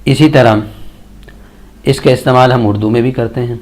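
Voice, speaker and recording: A man teaching Arabic verb conjugations in a slow, measured lesson, reciting tables one form after another. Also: medium pitch, fairly even intonation, darkish tone. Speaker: Quran and Arabic grammar teacher.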